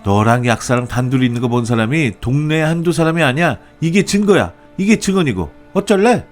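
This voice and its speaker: Spiteful older mother-in-law, a man putting her on; shrill, accusing, animated delivery. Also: fairly quick, soft background music, natural voice. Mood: taunting.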